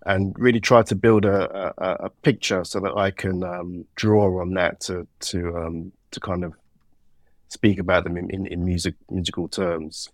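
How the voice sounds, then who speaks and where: A man with a London accent and a slight sore throat, answering interview questions thoughtfully with many pauses and fillers. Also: low voice, flat delivery, no room sound, studio quality. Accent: London English. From England. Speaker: composer guest.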